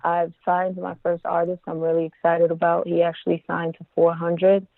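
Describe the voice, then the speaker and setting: Calm, even-toned woman on a tinny line. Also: fairly low pitch, normal speed, gravelly, dry recording. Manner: calm, even, self-described monotone. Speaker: guest, music marketer. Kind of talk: casual interview chat.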